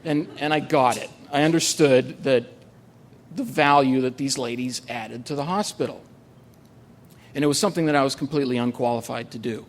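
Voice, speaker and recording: A man's voice: medium pitch, normal speed. A man telling a true story on stage at a live event, with a wry, dry humor and frequent "uh" fillers. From United States.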